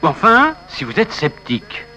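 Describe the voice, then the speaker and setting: A man announcing each case in a comic sketch, in a measured way. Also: a little high, huge pitch swings. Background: loud music.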